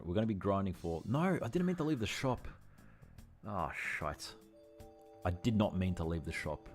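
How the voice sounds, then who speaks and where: Brief: male streamer, deep voice, chatty and self-correcting, faint game music behind. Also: a little mellow. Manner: chatty, thinks aloud and corrects himself often. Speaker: livestreamer. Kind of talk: casual gameplay livestream commentary.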